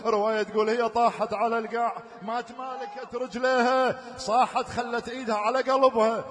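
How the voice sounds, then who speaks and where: Brief: male mourning preacher, high voice, storytelling mixed with sung laments; reverberant hall. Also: flat delivery, fairly quick, fairly bright tone. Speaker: preacher reciting a mourning narrative. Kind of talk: chanted mourning sermon.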